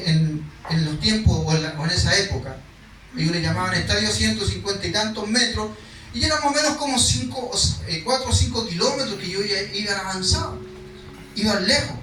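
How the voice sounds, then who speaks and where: High-voiced pastor preaching in an echoey hall. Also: male voice, bright, forceful tone, far from the mic, a little hiss or hum. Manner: reads scripture then explains it conversationally, acting out cries. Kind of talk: sermon. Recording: echoey hall, speaker away from the mic.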